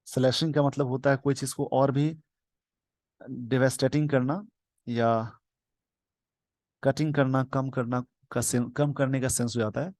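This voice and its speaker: A man's voice: medium pitch, steady tone, a little mellow, dry recording. Man explaining English vocabulary. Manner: reads English slowly word by word, then explains quickly. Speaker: teacher. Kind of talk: explaining an English newspaper editorial.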